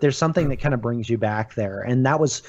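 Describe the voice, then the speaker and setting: A man's voice: mid-range voice, fast, a little mellow, muffled recording. A man chatting casually and animatedly about video games as a guest reviewer. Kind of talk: casual video game discussion.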